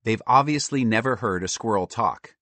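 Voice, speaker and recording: A man voicing a sensible, calm female squirrel in a storybook. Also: mid-range voice, normal speed, no room sound, lightly acted. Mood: calm reassuring.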